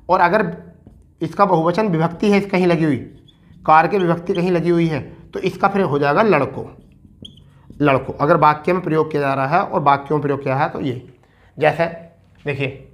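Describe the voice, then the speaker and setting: Male exam-prep tutor, a touch high-pitched, coaxing and repetitive, hurrying students toward the answer. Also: fairly bright tone. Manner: coaxing, repeats "ठीक है" often; recites verse slowly and deliberately. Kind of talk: explaining a practice test.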